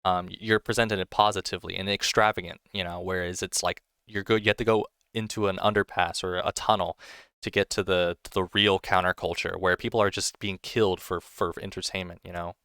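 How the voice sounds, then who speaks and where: A young man talks through a film review in a loose, enthusiastic ramble, often restarting his sentences. His voice sits low and smooth. The recording is dry and close, with no room sound. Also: flat delivery, brisk, a bit bright, no room sound. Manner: enthusiastic, rambling with frequent "you know" and restarts. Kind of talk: casual film review monologue.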